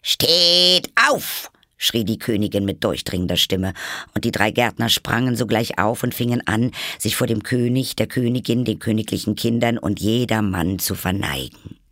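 A man reading a storybook aloud as narrator, with expressive delivery. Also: fairly low pitch, normal speed, dry recording, studio quality. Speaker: audiobook narrator.

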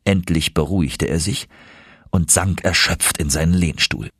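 A man reading first-person audiobook narration in a steady, measured storytelling manner. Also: sits low, slightly rough, no room sound, studio quality.

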